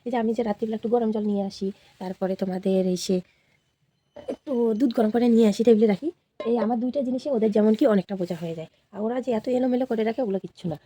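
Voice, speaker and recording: A woman in her thirties chats quickly and directly to her viewers in a relaxed home vlog. Her voice sits a little high and has a soft, mellow tone. It sounds like a phone recording made indoors at home, with a faint hiss behind it. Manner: chatty, talks straight to viewers. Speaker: vlogger, mother. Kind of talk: casual home vlog chat.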